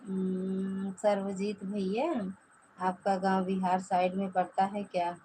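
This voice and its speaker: Her voice is medium-pitched, warm and completely flat, moving at a slow pace over slight background noise in a rough recording. She's from Pratapgarh, Uttar Pradesh, India, speaking Hindi with an Awadhi tinge. During a casual home live stream she chats, stretches out words and greets viewers individually by name.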